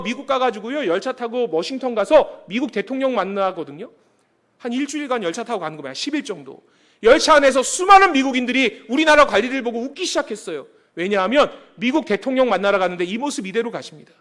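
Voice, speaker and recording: A man preaching as a missionary, telling stories and joking with the congregation, asking them questions. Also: high voice. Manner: lively, jokes with the congregation, asks questions. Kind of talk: sermon with storytelling.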